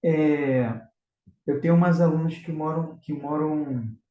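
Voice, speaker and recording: Speaking a little slowly in a fairly high voice with fairly even intonation, a Carioca man from Rio de Janeiro teaches about prayer, urging his listeners, whom he calls brothers, with earnest exhortation. The recording is echoey and slightly dull, with a little hiss or hum.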